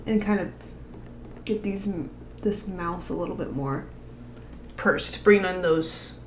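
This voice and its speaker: A woman's voice: on the low side, slow, roomy sound, a little hiss or hum. A woman giving casual animation feedback, rambling with lots of fillers and frequent laughs. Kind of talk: casual critique over a screen share.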